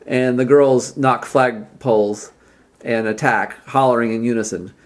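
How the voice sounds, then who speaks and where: A man's voice: medium pitch, fairly even intonation, a little slow. A man narrating as game master in a tabletop role-playing game, playful and laughing often.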